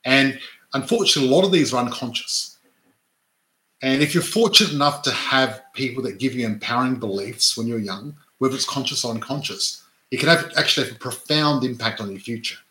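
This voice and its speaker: This male podcast co-host, also a real estate investor, was raised in Adelaide, Australia, and his first language isn't English because his parents immigrated. His medium-pitched, bright voice moves fairly quickly through casual chat, with a roomy echo around it. He's talkative, keeps correcting himself with many restarts, and tags his statements with "right?"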